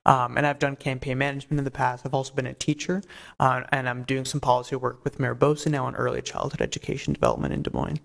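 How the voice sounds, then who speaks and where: Fast-talking gravelly man from New York. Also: mid-range voice, a bit bright. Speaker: policy fellow. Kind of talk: self-introduction.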